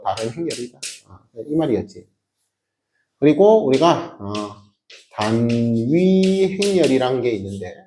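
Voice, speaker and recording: A man's voice: fairly high pitch, warm tone. A man teaching a math class, explaining step by step with emphatic rhetorical questions to his students. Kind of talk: classroom lecture.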